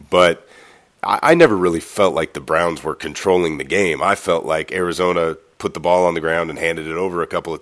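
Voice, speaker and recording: A man with a very low voice hosts a casual sports podcast, congested and nasal from a cold. He talks at length, rambling through restarts and asides. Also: fairly bright tone. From United States. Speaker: podcast host.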